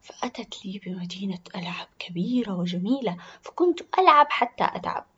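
A woman voicing a lonely, gentle seven-year-old girl in a children's audio story, her voice rising into high, loud cries when frightened. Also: animated, fast talker, breathy edge. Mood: dreamy. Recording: dull lo-fi recording.

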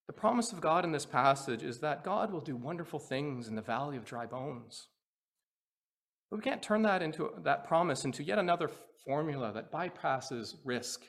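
A man, a pastor preaching a sermon and telling a personal story with earnest, animated delivery. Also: on the high side, vocal fry. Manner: earnest storytelling that swings between quiet reflection and animated retelling.

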